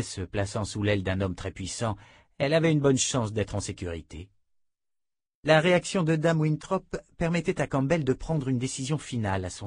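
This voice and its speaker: A man narrating an audiobook in a measured, even storytelling manner. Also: lowish voice, dry recording, clean studio sound.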